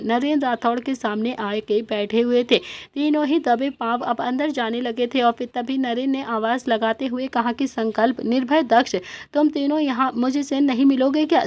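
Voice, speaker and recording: A woman narrates a long serialized family story, reading each character's lines in the same storytelling voice. Her voice sits high, and the recording is dry with no room sound. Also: a little mellow, no echo.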